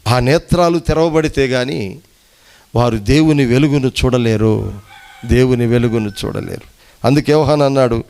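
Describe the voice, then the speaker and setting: A male pastor preaching emphatically, repeating phrases and swinging his voice between high rises and low drops. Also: normal speed, long pauses, darkish tone, clear, resonant tone. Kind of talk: sermon.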